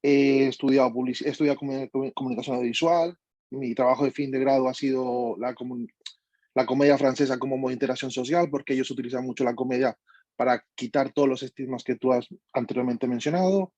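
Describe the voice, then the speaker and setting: A young man from Colombia, an audience member asking a question, speaking haltingly with many restarts. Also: medium pitch, fairly even intonation, darkish tone, no room sound. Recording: dull, dry sound.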